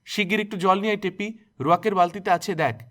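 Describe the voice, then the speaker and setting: A man's voice: sits high, fast, a bit bright, voice pushed up. Man voicing a pleading kindly neighbour woman. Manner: urgent, pleading.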